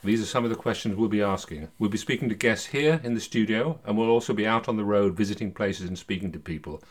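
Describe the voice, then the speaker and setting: A man's voice: lowish voice, fast talker, breathy edge. An older man hosting a podcast, introducing it and talking conversationally in a studio. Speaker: podcast host.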